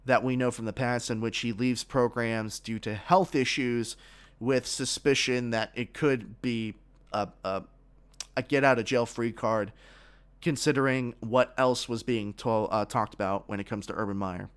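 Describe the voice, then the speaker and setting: Hosting his own sports podcast, a man gives his opinions unhurriedly in a mid-range voice with fairly even intonation and a clean tone. He uses many fillers and restarts and is a little congested, with a frog in his throat.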